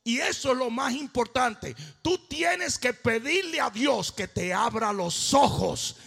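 Male pastor, fervent sermon delivery, very high husky voice, long church-hall reverb. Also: animated, slow. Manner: fervent preaching, shouting and half-singing phrases.

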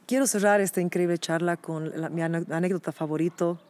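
A woman's voice: fairly low pitch, fairly even intonation, brisk, a little mellow. A woman interviewing her former teacher, asking affectionate, coaxing questions in a casual chat.

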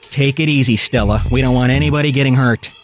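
A man's voice: mid-range voice, fast, soft background music, close to an everyday voice. A man playing a confident but dim-witted noir detective in a comedic radio play. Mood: earnest.

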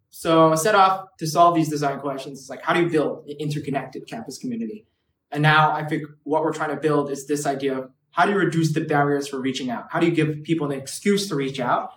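His voice is fairly high and fairly bright: a man in his twenties from Hong Kong, guesting on a podcast and chatting loosely with plenty of "like" and "right." The mic is some way off, giving a roomy echo and slight background noise.

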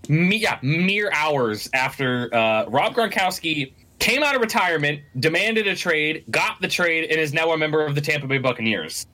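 A man co-hosting a casual sports podcast, talking in an animated, rambling way with lots of restarts and the odd curse. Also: a little high, normal speed, hardly any pauses. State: has the hiccups. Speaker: podcast co-host.

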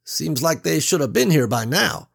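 A man voicing a nervous young male plant worker with a jittery, high-pitched manner. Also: sing-song, moderate pace, vocal fry, breathy edge, heavily acted. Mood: curious.

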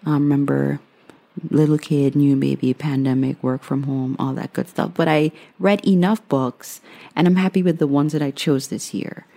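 Woman in her thirties, low and gravelly, mellow tone, dry humor, casual Q&A vlog. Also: fairly even intonation, moderate pace. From Guyana. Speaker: vlogger.

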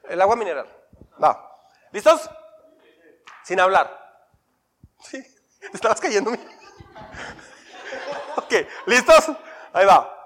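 High-voiced energetic Mexican pastor. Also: male voice, slow, pauses often. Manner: energetic, playful, chants lists with the group. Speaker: pastor leading a church workshop. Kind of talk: interactive Bible workshop with drills. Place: church hall with a live congregation. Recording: reverberant hall, faint crowd.

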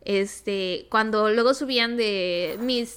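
A woman's voice: mid-range voice, takes it slowly, fairly bright tone, clear, resonant tone. A woman with a Mexican accent co-hosting a podcast, telling personal anecdotes in colloquial speech with the odd English word. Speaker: podcast co-host. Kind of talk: casual chat with personal anecdotes.

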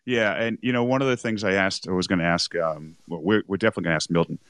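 A man co-hosting a rugby podcast, rambling and correcting himself, a little hoarse as he is losing his voice. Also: low voice, fast talker, a bit bright, no echo. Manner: rambling, self-correcting, chuckles often. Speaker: podcast co-host. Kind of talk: casual rugby chat.

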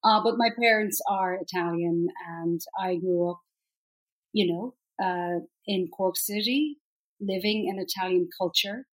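A woman's voice: lowish voice, measured pace, low-quality recording. A middle-aged woman with an Irish accent, a guest chatting casually in an interview, laughing easily between fillers. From Ireland. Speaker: actress guest.

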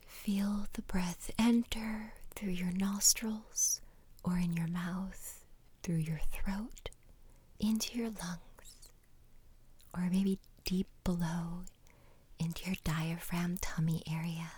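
A woman guiding a relaxation exercise in a soft, soothing ASMR whisper, breathy and gentle, close to the microphone. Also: lowish voice, fairly even intonation, no echo. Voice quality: breathy, unvoiced. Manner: slow, unhurried instructing with pauses.

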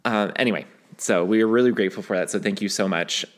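A man's voice: fairly low pitch, fast talker. A man co-hosting a lighthearted podcast, chatting casually and laughing often. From United States. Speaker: podcast co-host.

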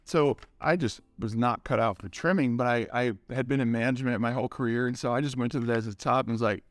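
Speaking at a quick pace in a mid-range voice, captured dry, a middle-aged interview guest tells offhand stories from his career in cannabis. His delivery is laid-back and stoner-like, heavy on slang and swearing.

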